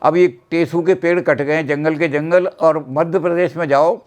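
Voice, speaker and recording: An older man who sings slow folk verses and then explains them in quick talk, as the guest on a chat show. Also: a little high, fairly even intonation. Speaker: guest folk music expert. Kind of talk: explaining and singing folk songs.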